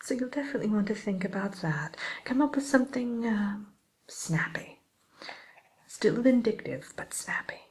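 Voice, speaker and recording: A woman voicing a sly, sweetly courteous wicked witch tutor in a hushed, musing ASMR roleplay. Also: a little high, lively intonation, close to an everyday voice. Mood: coaching, snarky. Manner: hushed, unhurried, hesitant musing, faux-genteel.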